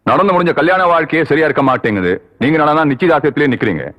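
An actor playing an arrogant middle-aged village landlord who speaks curtly and threateningly. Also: male voice, fairly high pitch, very animated, very fast. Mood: cold. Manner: curt, dismissive, threatening. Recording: reverberant muffled film soundtrack.

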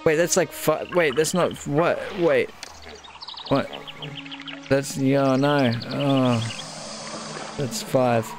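A man's voice: medium pitch, steady tone, extremely slow, long pauses. A man playing a city-building game, reading its text aloud and muttering building names twice over as he plays. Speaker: let's play gamer. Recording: game music under the voice. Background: game music.

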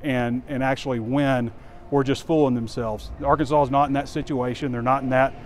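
Talking fairly quickly in a medium-pitched voice with fairly even intonation, a man in his forties gives candid, rambling sports commentary with fillers. He runs a sports site and is walking a campus street near a stadium, holding a phone camera close; faint outdoor street noise is audible.

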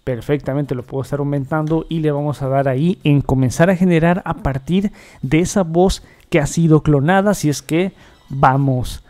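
A man hosting a software tutorial, explaining each step as he clicks through, often repeating set phrases. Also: on the high side, normal speed, soft background music. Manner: repetitive, filler-heavy demo talk. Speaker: tech tutorial host. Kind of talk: screen-recorded software tutorial.

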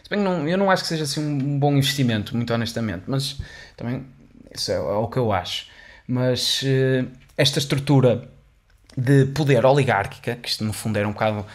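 Fairly quick and medium-pitched, this young European Portuguese man hosts an educational video series, casually explaining finance history with many fillers and restarts as he gestures. He records indoors in a small studio with a dark wall, wearing headphones, into a condenser mic on a boom arm.

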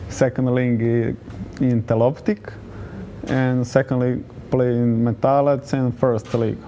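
A man in his twenties with a Serbian accent, a football player answering interview questions in short, halting phrases. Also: mid-range voice, little pitch movement, dark tone, a little hiss or hum. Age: 20s. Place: hotel lobby, indoors. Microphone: lapel.

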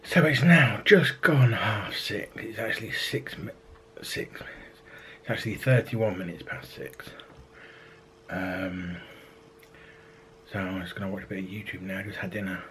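A man's voice: lowish voice, a little slow, a bit bright, a little hiss or hum. A man in his thirties chatting casually to a handheld camera, rambling and hesitant with many ums. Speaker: vlogger. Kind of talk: casual daily vlog. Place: outdoors in a park, then in a car, then at home. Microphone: handheld camera at arm's length.

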